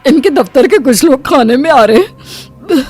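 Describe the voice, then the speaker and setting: A woman voicing a young wife whose cold has turned her voice gruff and manly, stuffy and complaining. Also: sits high, animated, measured pace, darkish tone, no echo, faint music behind. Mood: sickly complaining. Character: male-voiced daughter-in-law with a bad cold. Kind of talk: animated storybook voice acting.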